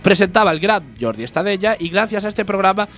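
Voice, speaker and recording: A man's voice: sits high, animated, quick pace, a bit bright, muffled recording, faint music behind. A man from Galicia hosting a podcast, telling a story with mock-grandiose, ironic flair. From A Coruña, Galicia, Spain. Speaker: podcast host. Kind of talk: scripted podcast narration and banter.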